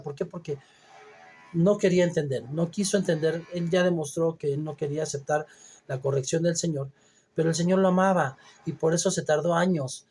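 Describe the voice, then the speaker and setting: A man preaching a Bible teaching sermon, reading scripture aloud and then explaining it, often pausing with hesitant fillers. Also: a little high, a little mellow.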